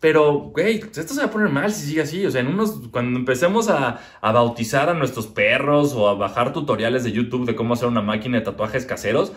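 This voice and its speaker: A man's voice: mid-range voice, lively intonation, fast talker, few pauses. A young Mexican man doing stand-up comedy from his living room, crude and self-mocking, arguing back and forth with himself.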